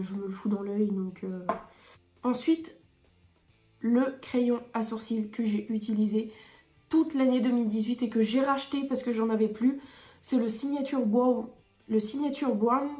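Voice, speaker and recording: A woman's voice: a little high, warm tone, reverberant. A woman beauty vlogger reviewing her favourite products in a chatty, enthusiastic way with frequent hesitations.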